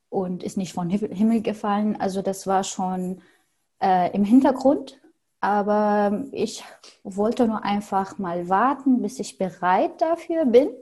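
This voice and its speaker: A woman's voice: medium pitch, warm tone. A woman, answering interview questions thoughtfully and with frequent hesitations. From Syria. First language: Arabic. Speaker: interview guest. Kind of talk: conversational interview.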